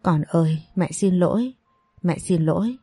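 A woman's voice: on the low side, unhurried, warm tone, breathy edge, no echo, soft background music. Woman voicing a frightened young captive woman. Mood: pleading. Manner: pleading, stammering.

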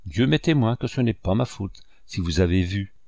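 A man's voice: fairly low pitch, lively intonation, moderate pace, vocal fry, warm tone, no room sound, studio quality. A man voicing a devoted, outspoken female servant who speaks firmly and protectively, reading a French novel aloud. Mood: earnest. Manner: firm, protective, slightly scolding.

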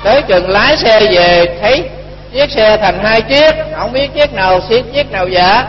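A man's voice: high-pitched, lively intonation, normal speed, faint music behind. A man, a monk giving a folksy dharma talk and acting out the dialogue of his stories. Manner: folksy, colloquial, acts out dialogue. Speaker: Buddhist monk teacher. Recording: dull lo-fi recording, long hall reverb, faint hum.

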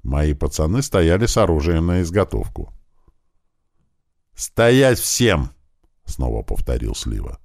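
A man's voice: extremely low pitch, sing-song, normal speed, vocal fry, few pauses, mellow, no room sound, clean studio sound. A man narrating a first-person audiobook in a dramatic, emphatic reading style.

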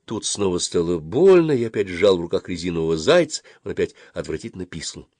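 Male audiobook narrator, low and animated, dry close recording. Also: fast, no room sound. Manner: expressive storytelling.

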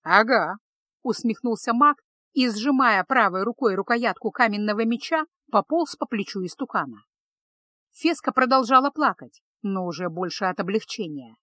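A woman narrating a fantasy story in a steady, measured reading voice. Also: a little high, no echo. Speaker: audiobook narrator.

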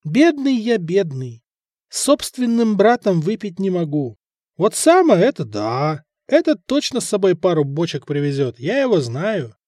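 A narrator doing a sarcastic Roman ex-officer. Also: male voice, high-pitched, very animated, measured pace, darkish tone, no room sound, studio quality, heavily acted. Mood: self-pitying. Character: irritable, ironic Roman ex-officer man.

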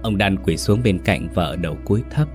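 A man narrating a horror story in a dramatic, measured way. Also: sits low. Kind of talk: scripted ghost story narration. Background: faint music.

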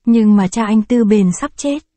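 A woman reads a short story aloud in a calm, measured storytelling manner. Her voice is mellow and dark in tone, recorded close and dry with no room sound. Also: medium pitch, dry recording. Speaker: audiobook narrator. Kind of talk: scripted short story reading.

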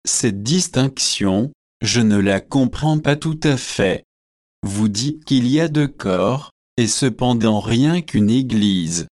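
A man's voice: mid-range voice, animated, slow pace, a little mellow. A man voicing a pompous young student who talks in a magisterial, preachy tone, in an audiobook reading. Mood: lecturing. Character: pompous young male Oxford student, lecturing.

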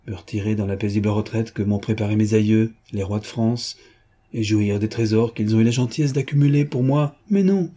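A man voicing a mocking, boyish gentleman thief who talks to a young man in a teasing, patronizing way. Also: fairly low pitch, slightly rough.

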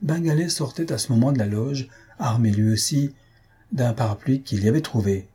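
Guy reading an old story out loud, husky and mellow, calm and steady. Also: medium pitch. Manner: even, measured storytelling. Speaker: audiobook reader. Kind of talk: scripted narration.

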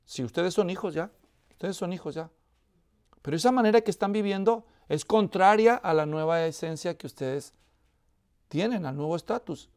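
A man preaching an expository sermon who keeps asking the congregation whether they follow. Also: sits high. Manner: asks the congregation frequent check-in questions; tells a joke in a lively, animated way.

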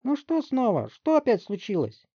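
A man voicing a loud, hot-tempered middle-aged housewife who screams and scolds in a shrill voice. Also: huge pitch swings, normal speed, slightly rough, dry recording, dull audio, exaggerated voice. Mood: shrieking outrage. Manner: shrieking, scolding, outraged.

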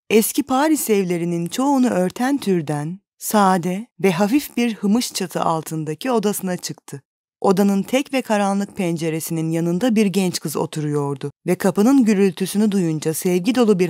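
A woman narrating a classic novel as an audiobook in a calm, measured reading. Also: fairly low pitch, no room sound, clean studio sound.

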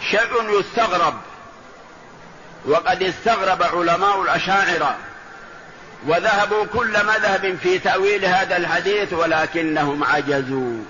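A man giving a religious lesson, explaining a text deliberately and pressing his point with rhetorical questions. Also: high-pitched. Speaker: religious teacher. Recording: muffled old lecture tape with loud hiss.

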